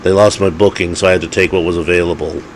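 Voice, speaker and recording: A man voicing a battered, bitter male werewolf hero, speaking low and strained. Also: flat delivery, fast talker, slight background noise.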